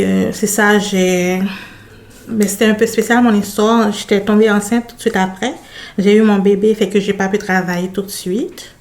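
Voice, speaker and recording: A Haitian woman whose first language is Haitian Creole speaks French with a Haitian accent mixed with Beauce Québécois features, in a medium-pitched voice. As an interview guest in a conversational interview, she answers in plain, short phrases.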